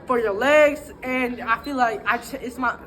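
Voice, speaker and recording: A young woman improvising a mock interview, deadpan and stammering. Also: fairly high pitch, normal speed. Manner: deadpan, stammering, breaks into laughter. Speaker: interviewee in a comedy skit.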